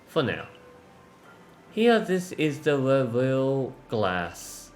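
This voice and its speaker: A man reading aloud the lines of a calm, wise old woman sage, slow and soft, with a lively pitch. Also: a little hiss or hum. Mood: calm, reflective. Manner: reads slowly and softly, measured. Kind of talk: reading game dialogue aloud.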